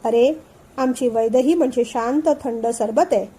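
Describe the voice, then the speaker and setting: Woman playing a teasing good-natured male friend, soothing, high warm voice. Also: measured pace, husky. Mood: coaxing. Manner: playful, soothing, laughing.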